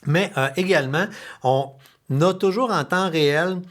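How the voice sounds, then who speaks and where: A man with a Québécois accent hosting a podcast, talking in an animated, colloquial way with casual swearing. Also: sits high, measured pace. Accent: Québécois French. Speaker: podcast host.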